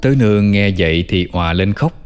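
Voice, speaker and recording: A man narrating an old folk tale in a calm, measured way. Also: on the low side, clean tone, in a large hall, faint music behind. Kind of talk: storytelling narration.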